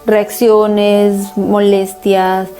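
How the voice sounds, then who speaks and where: Mellow-voiced woman pastor telling a story. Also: medium pitch, completely flat delivery, very slow, faint music behind. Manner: earnest, storytelling, recounting family events. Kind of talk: sermon with personal testimony.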